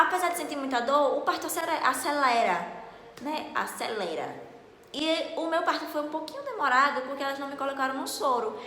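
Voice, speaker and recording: A young woman, her voice high and very bright. She tells her story in an animated, dramatic way. The room is echoey, with a long reverb tail behind her. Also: slight background noise. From Northeast Brazil. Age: late teens. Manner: animated, dramatic, acts out dialogue loudly. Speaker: vlogger. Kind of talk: casual storytelling to camera.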